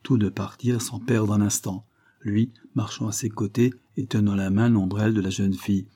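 A man reading a classic novel aloud in measured, scripted narration. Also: on the low side, level tone, warm tone, breathy edge. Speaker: audiobook reader.

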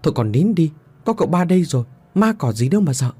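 A man's voice: fairly high pitch, sing-song, fast, dark tone, husky, no echo, pitched above the performer's own voice. A man playing a young uncle, uneasy but protective, who speaks in a reassuring, tense way.

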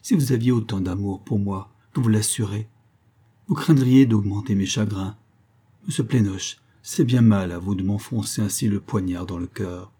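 A man's voice: lowish voice, normal speed, dark tone, husky. A man reading the part of a tearful young noblewoman, pleading and distressed, in an audiobook. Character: young woman, tearful noblewoman torn by love.

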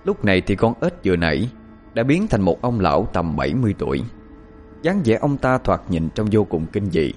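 Male horror narrator, low, animated, suspenseful. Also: fairly quick, soft background music. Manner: expressive, suspenseful. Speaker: storyteller.

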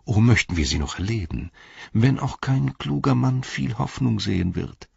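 A man voicing a sly, treacherous male royal adviser, slow and wheedling. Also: medium pitch, expressive, gravelly, a little mellow, breathy edge, no room sound, highs cut off, voice pushed up, heavily acted. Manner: wheedling, drawn-out.

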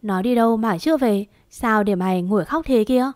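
A blunt village neighbor woman, nosy and questioning, as a woman narrator puts her on. The voice sits at a middle pitch. The sound is dry and close. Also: normal speed, darkish tone, no echo, natural voice.

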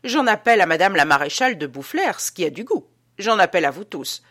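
A woman's voice: fairly low pitch, big pitch swings, a little fast, a bit bright. A woman voicing a drunken, exalted man who bellows and sings at a dinner party in an audiobook reading. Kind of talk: audiobook character voice.

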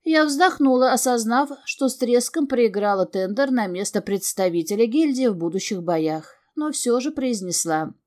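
A woman narrating a first-person fantasy audiobook in a wry, expressive way. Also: fairly high pitch, moderate pace, few pauses. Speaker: audiobook reader.

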